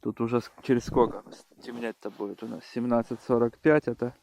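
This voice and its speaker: A man giving casual, unhurried commentary on his own fishing in short muttered remarks, recorded outdoors with wind on the mic. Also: medium pitch, little pitch movement, warm tone. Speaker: angler filming own fishing vlog.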